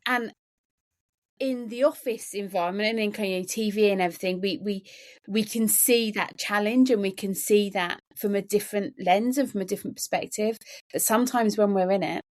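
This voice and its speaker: Her voice sits in the mid range with a darkish tone, and she keeps a moderate pace. This neurodiversity trainer, guesting on a conversational podcast, talks earnestly and emphatically about workplaces, repeating words and filling gaps with "you know."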